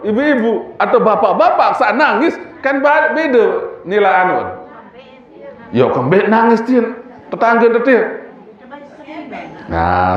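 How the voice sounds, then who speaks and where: A man with a Sasak Lombok accent delivers a relaxed sermon, joking and tossing rhetorical questions at his listeners. He speaks slowly in a plain middle register. The sound is dull and distant, washed in heavy hall echo. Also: high-pitched. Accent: Sasak-accented Indonesian from Lombok. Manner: chatty and joking, firing rhetorical questions at the congregation. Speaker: preacher. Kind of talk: weekly religious study sermon.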